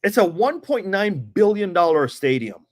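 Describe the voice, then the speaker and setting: A man hosting a sports podcast, his voice hoarse and worn out from yelling, giving emphatic opinions in a casual, halting way with awkward pauses. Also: high voice, very animated. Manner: opinionated, emphatic, rhetorical questions.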